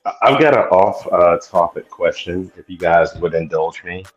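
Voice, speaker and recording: A man's voice: low-pitched, normal speed, dull audio, music in the background. A man in a casual crypto chat, asking polite, hesitant questions.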